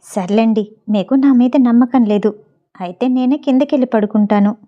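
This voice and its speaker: A woman's voice: a little high, normal speed, muffled recording, close to an everyday voice. A woman voicing a frank, coaxing young bride who keeps her voice down in a storybook reading. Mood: sulky. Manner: hushed, persuasive.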